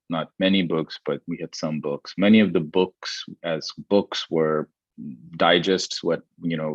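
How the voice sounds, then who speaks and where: A man from Pakistan, a historian speaking thoughtfully in an academic conversation, often pausing with fillers and restarting his sentences. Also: low voice, dry recording, highs cut off. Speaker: historian guest.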